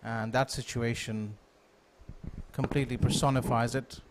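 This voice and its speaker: A man giving live cricket commentary in a measured, analytical manner. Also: medium pitch, little pitch movement, a little hiss or hum.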